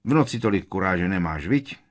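A man's voice: low voice, expressive. A man voicing a sullen, sneering teenage bully who snaps and growls his retorts. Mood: taunting. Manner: sulky, snapping, growling retorts.

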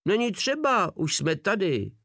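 A man's voice: sits high, very animated, creaky, a bit bright, no echo, clean studio sound, voice pushed up, exaggerated voice. A man voicing a brash, crude, rowdy soldier who mocks and swaggers, with coarse speech. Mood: defiant.

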